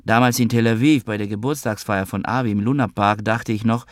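A man voicing a troubled, world-weary young woman in an audiobook, speaking softly and subdued. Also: lowish voice, steady tone, brisk, no room sound, studio quality, voice pushed up, natural voice. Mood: bitter.

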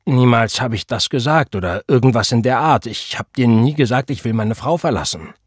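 A man's voice: lowish voice, normal speed, darkish tone, slightly rough, dry recording, studio quality. A man reading the part of an angry, self-righteous preacher who speaks in an indignant, defensive and scornful way.

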